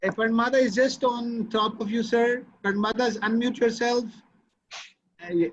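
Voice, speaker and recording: A man's voice: extremely high pitch, fairly even intonation, normal speed, slight background noise. A man politely introducing students on a video call, calling the host sir. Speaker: course organizer introducing students. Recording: muffled video call audio.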